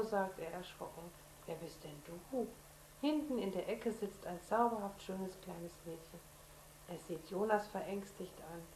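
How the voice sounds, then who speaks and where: A woman's voice: on the low side, darkish tone. A woman reading a children's storybook aloud at home and patiently asking questions between passages. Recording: echoey room with faint noise.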